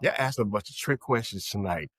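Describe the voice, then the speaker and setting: Halting man in casual podcast talk. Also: fairly low pitch, animated, a bit bright, slightly rough, no room sound, studio quality. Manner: halting, repeats words while thinking. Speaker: podcast co-host. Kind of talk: casual group discussion.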